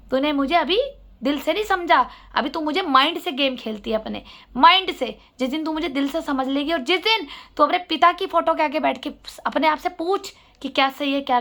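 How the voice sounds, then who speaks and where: A woman's voice: high voice, vocal fry, sharp tone. A middle-aged woman giving an emotional, scolding appeal straight to her sister in a personal vlog. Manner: scolding, pleading, preachy. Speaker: vlogger addressing her sister. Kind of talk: emotional direct-to-camera appeal.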